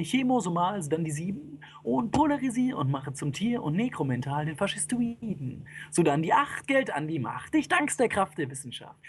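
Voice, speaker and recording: A performer voicing a calm, smug scientist who lectures in rapid pseudo-scientific jargon, in a dramatic spoken-word poem. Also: medium pitch, slight background noise.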